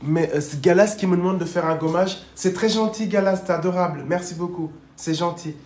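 A fairly high-voiced man runs a casual phone livestream as a dating coach. He chats in an upbeat, coaxing way, urging his viewers to share. His voice rings in an echoey room. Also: fairly quick, darkish tone.

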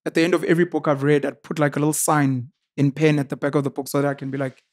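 South African man in his thirties, podcaster guest, confident storyteller, slightly raised pitch, close podcast mic. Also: little pitch movement, rapid-fire. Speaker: podcaster and YouTuber. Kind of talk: casual interview conversation. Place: studio with sofas, indoors. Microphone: boom-arm podcast mic.

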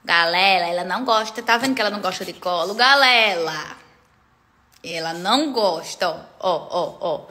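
A woman's voice: fairly low pitch, fairly quick, hardly any pauses, pushed and bright. A woman, chatting playfully in a casual vlog and fussing over her pets. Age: 30s. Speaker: digital influencer.

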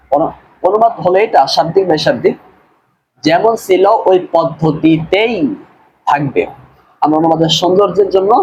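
A man's voice: sits high, a little mellow, slight background noise, poor audio. A man teaching a recorded class, patiently translating a text word by word, repeating and correcting pronunciation. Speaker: madrasa grammar teacher. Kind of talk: screen-based recorded class, line-by-line translation.

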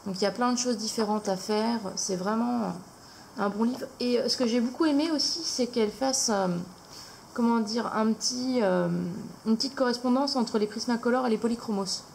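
Woman, craft vlog host, casual and halting, gravelly edge, faint hiss behind. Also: on the high side, darkish tone, poor audio. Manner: hesitant, many fillers. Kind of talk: casual haul video.

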